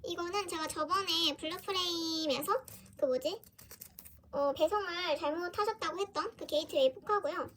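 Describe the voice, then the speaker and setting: A woman chatting casually through an unboxing for her fan vlog, often exclaiming softly as she goes. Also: very high-pitched, normal speed, a little hiss or hum. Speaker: fan vlogger.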